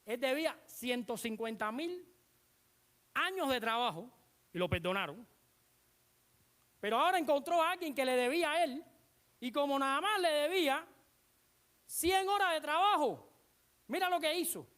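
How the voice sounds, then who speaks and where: A preacher giving an animated sermon, retelling scripture with dramatic emphasis and asking the congregation rhetorical questions. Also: high-pitched, moderate pace, pauses often.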